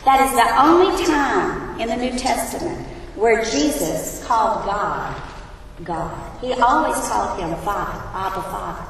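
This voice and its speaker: A woman's voice: fairly high pitch, animated, unhurried, creaky, distant mic, slight background noise. Woman preaching in a big echoing hall. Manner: asks the congregation questions. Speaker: Bible teacher. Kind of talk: sermon. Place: large hall.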